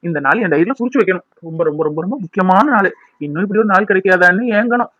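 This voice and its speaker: A man's voice: high voice, rapid-fire, a bit bright, no room sound, lo-fi sound. Man voicing a smug, taunting cartoon schemer. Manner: mocking and needling. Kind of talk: cartoon voice acting.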